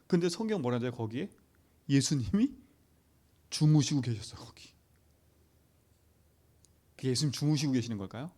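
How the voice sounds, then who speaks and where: Animated male pastor preaching. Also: mid-range voice, normal speed, pauses often. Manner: keeps asking the congregation short questions for agreement. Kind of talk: sermon to a youth service.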